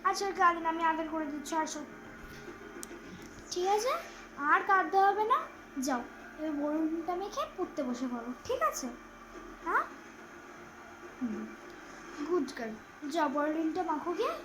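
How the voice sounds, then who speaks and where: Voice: very high voice, expressive, moderate pace, long pauses, noisy background. A child playing a strict scolding mother. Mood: soothing. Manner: bossy, threatening, nagging. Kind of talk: pretend-play role-play. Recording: clear background music.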